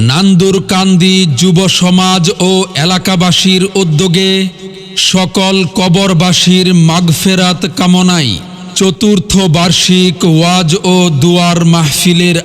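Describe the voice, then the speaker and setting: A man reads a formal scripted public announcement for a religious gathering in a solemn, measured, declamatory way. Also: high voice. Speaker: event announcer. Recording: long hall reverb, music behind.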